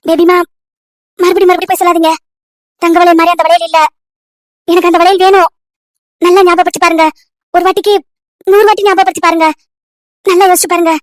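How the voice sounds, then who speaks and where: A woman's voice: very high-pitched, level tone, fairly quick, long pauses, no echo, clean studio sound. A woman voicing a young married woman in a cartoon story, anxious and pleading, repeating her questions over and over. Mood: distressed.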